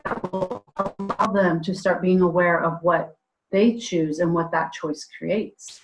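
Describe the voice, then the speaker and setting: Woman, fairly low voice, casual podcast chat, storytelling, remote call mic. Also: fairly even intonation, a little slow, over music, low-quality recording. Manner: tells stories with quoted dialogue. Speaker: co-host. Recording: audio dropouts on a call.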